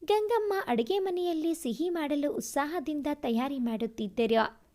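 A woman narrating a family love story in a steady, expressive storytelling manner. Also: high-pitched, unhurried. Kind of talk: scripted narration.

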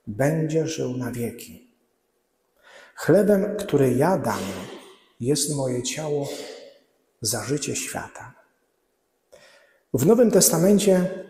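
A middle-aged man delivers a slow, measured sermon from the lectern of a large church. His tone is mellow and dark, and it falls quiet at scripture quotations. The long reverb of the church hangs around every phrase. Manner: slow, measured preaching with drops to a low voice at quotations. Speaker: priest. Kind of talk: Lenten sermon. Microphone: far camera.

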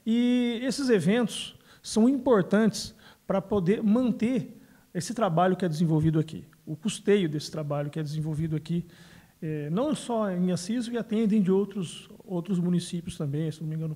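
A man's voice: high-pitched, normal speed, dark tone. A man, answering interview questions into a handheld microphone, often adding tag words. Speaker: city council president. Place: indoors, small room.

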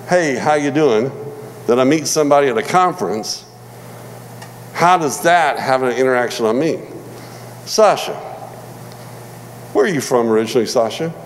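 A man in his forties preaching a sermon in a relaxed, conversational way, often repeating words and checking in with "all right?". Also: medium pitch, big-room sound, a little hiss or hum, poor audio. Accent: non-Michigan American. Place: church hall.

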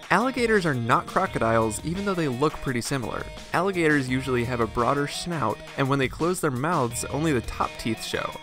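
Male narrator, mid pitch, cheerful educational voice-over with light music underneath. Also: a bit bright.

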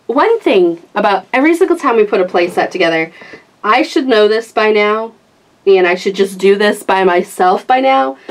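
A woman with a medium-pitched voice hosts a casual toy review, unboxing and demonstrating it in an enthusiastic, gushing way. The audio quality is poor.

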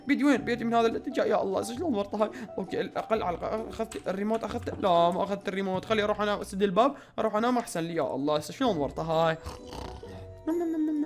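A man with an Iraqi accent giving excitable let's-play commentary, exclaiming and repeating words as he plays. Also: high voice. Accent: Iraqi Arabic. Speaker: gaming channel host.

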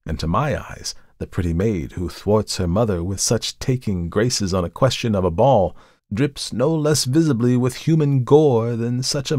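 A man voicing a calm, knowing male visitor who judges a murderer in a measured, coolly insistent way, in a dramatic audiobook reading. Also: mid-range voice, gravelly, dry recording, studio quality.

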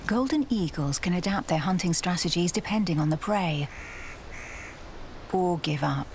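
A woman narrates a nature documentary from a script in a measured storytelling delivery. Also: fairly low pitch, animated, a little mellow, a little hiss or hum.

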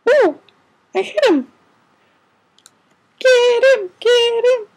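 Tiny childlike game-cartoon critter: squeaky falsetto height, excitable, very slow words. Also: male voice, full character voice. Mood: excited, combative. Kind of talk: amateur game-animation character acting.

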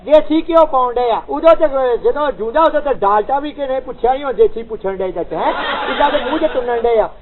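A man's voice: extremely high pitch, animated, fast talker, few pauses. A male comedian, teasing and mock-sympathetic in an improvised village comedy sketch. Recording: tinny lo-fi with crowd noise.

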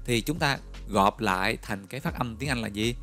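A man's voice: fairly low pitch, normal speed, soft background music. A man teaching English vocabulary, telling little memory stories and checking in with questions. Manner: lively, storytelling, coaxing with questions.

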